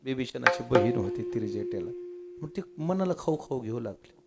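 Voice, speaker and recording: A man's voice: mid-range voice, normal speed, creaky, over loud music. A man with a Marathi accent preaching a devotional kirtan, telling the story animatedly and voicing its characters. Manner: animated storyteller, acting out dialogue, call-and-response. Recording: live kirtan with tabla and harmonium. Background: tabla and harmonium.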